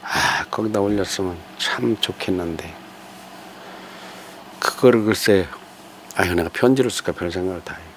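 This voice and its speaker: An older man with a fairly low voice gives a meandering spoken commentary. He talks in a folksy, conversational way, stopping for fillers and rhetorical questions. A faint hiss of noise sits under his voice. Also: normal speed, pauses often. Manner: folksy, digressive, with hesitant fillers and rhetorical asides. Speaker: host giving a talk on character and family.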